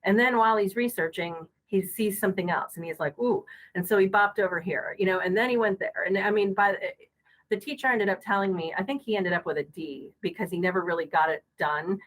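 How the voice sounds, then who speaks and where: A woman's voice: mid-range voice, brisk, poor audio. A middle-aged woman speaking as a podcast guest on school technology, earnest and casual, full of fillers and restarts.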